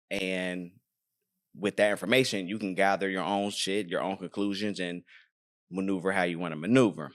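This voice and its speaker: Low-voiced, rambling podcast host. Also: male voice. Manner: loose, rambling, swears casually. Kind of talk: casual podcast conversation.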